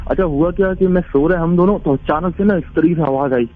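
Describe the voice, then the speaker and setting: A man's voice: on the high side, quick pace, dry recording. A man calling in to tell a ghost story in a rambling, casual way, with many restarts. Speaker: caller. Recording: tinny phone line.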